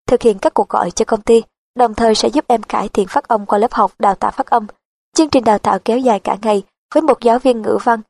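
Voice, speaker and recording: A woman reading a nonfiction audiobook in an even, measured narration style. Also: fairly high pitch, no echo.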